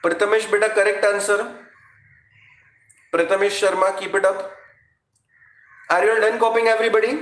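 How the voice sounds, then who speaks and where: A man's voice: high-pitched, level tone, moderate pace, long pauses, a bit bright. A man with an Indian accent lecturing to an online class as a teacher, repeating phrases for emphasis and addressing students directly. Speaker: physics teacher. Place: indoor room at a chalkboard. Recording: echoey room.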